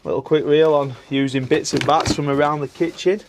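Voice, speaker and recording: A man's slightly high, steady voice with vocal fry comes through fairly quickly over a noisy background. He's vlogging casually from his allotment and greenhouse, rambling and chatty, with plenty of filler words.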